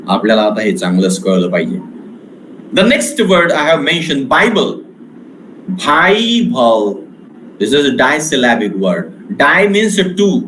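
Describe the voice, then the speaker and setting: A man teaching an online English lecture with an Indian English accent, speaking slowly and deliberately and switching between English and Marathi. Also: mid-range voice, echoey room, slight background noise, low-quality recording.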